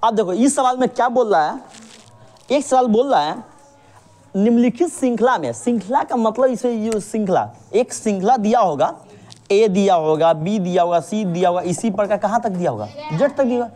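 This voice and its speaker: A woman's voice: medium pitch, normal speed, dark tone. A woman teacher explaining a reasoning lesson, patiently checking over and over that her student understands. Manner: patient, keeps checking understanding with repeated questions; calls the student "babu", drills with call-and-response.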